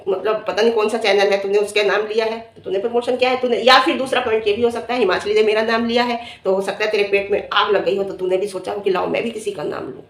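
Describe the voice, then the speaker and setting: A woman's voice: medium pitch, fairly even intonation, fast, hardly any pauses. A middle-aged woman vlogger who scolds and taunts a rival directly in a confrontational rant. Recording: echoey room.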